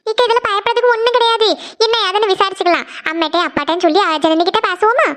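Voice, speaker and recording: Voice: extremely high pitch, fairly bright tone. A performer voicing a caring younger sister in a cartoon series, coaxing and reassuring her crying elder sister. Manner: coaxing, reassuring, rapid questions. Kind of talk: Tamil cartoon series dialogue.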